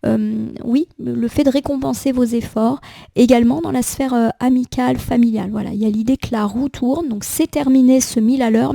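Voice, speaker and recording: A fairly high, mellow female voice, slightly stuffy from a cold, gently talking through a daily tarot reading. She is reassuring and unhurried, pausing on fillers as she thinks aloud, recorded close and dry. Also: gravelly, no room sound. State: has a cold. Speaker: tarot card reader.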